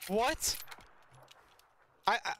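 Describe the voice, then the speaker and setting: Male streamer, joking gamer chatter, noisy game audio. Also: very slow. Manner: joking, bickering with teammates. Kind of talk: gaming voice chat.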